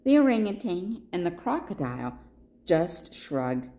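Expressive woman reading to children. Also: fairly low pitch, measured pace. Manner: expressive, asks listeners questions. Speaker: children's librarian. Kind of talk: picture-book read-aloud for children.

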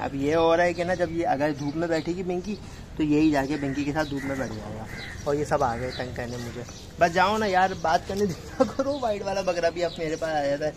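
A man's voice: fairly high pitch, noisy background. A young man chatting casually while he walks through his outdoor animal farm and talks fondly to the animals, recorded on a phone held at arm's length. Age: young adult. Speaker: farm vlogger. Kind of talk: casual walk-through vlog. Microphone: phone camera held at arm's length.

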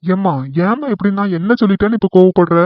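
A man's voice: high-pitched, quick pace, no echo, lightly acted. A man voicing a mild, pleading young husband, tinny sound. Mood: placating. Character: easygoing young husband caught in the middle. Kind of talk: cartoon comedy voice acting.

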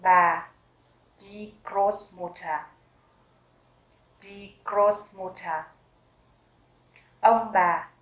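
A woman teaching vocabulary, repeating each word slowly and carefully. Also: mid-range voice, echoey room, poor audio. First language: Vietnamese. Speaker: German language teacher. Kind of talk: vocabulary lesson with slow repetition.

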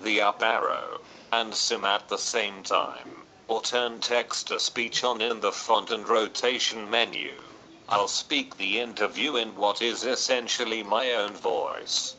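A male text-to-speech voice with a British English accent comes out of an e-reader. It reads in an even, mechanical way, slow and bright, with a faint hiss behind it. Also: fairly low pitch, rough recording. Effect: synthetic text-to-speech voice played from an e-reader.

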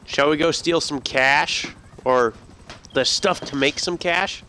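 Young guy, kinda sharp bright voice, teasing his buddies over a headset mid-game. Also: fairly high pitch, takes it slowly, slight background noise. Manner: teasing, laid-back. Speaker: co-host and player. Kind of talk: casual gaming banter.

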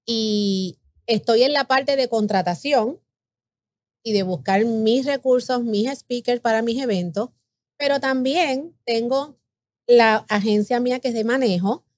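Woman, slightly high voice, dry close mic, calm explainer. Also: no room sound. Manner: measured, explanatory. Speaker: event producer guest. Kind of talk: explaining her work in an interview.

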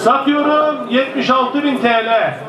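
High-pitched male auctioneer, echoey and distant. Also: fairly even intonation, a little slow. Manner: repeats bids, calling out loudly to bidders. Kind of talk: live auction calling. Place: open-sided outdoor sale ring. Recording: echoey distant PA with loud crowd. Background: loud crowd.

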